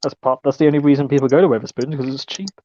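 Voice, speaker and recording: A man's voice: medium pitch, racing, mellow, lo-fi sound, a little hiss or hum. A man in casual stream chat who teases and laughs, often stammering as he starts a sentence.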